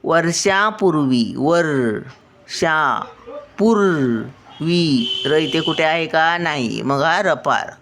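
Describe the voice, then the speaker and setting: Slow, patient grandmother teaching children. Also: deep voice, a bit bright. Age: older. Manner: patient, repeats words syllable by syllable. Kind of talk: children's spelling lesson.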